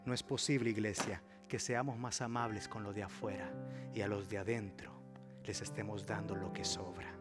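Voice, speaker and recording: A man preaching a sermon as pastor, acting out little dialogues, swinging from loud to a whisper. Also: on the low side, steady tone, moderate pace. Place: church with a live audience. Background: soft piano.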